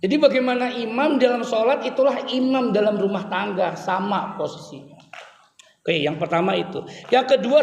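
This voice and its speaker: Middle-aged male preacher, high voice, playful and teasing, echoey hall. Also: gravelly. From Indonesia. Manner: playful, teasing the audience, sudden rises in pitch and volume. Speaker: Islamic preacher. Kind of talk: lively sermon to a congregation. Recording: echoey hall, faint noise.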